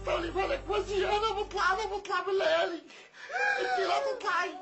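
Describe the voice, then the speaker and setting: An actor playing a blustering husband from an old Damascus alley who is quick to back down, speaking with a Damascene Syrian accent. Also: male voice, extremely high pitch, very animated, vocal fry, shouting, heavily acted. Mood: contrite. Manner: blustering, then pleading. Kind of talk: TV drama acting. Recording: TV drama audio with music underneath.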